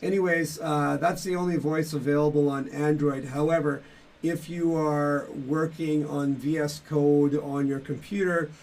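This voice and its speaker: A middle-aged man casually walking through a demo of his own software tool, explaining step by step with a few fillers. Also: on the high side, steady tone, a little slow. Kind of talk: casual tech demo walkthrough.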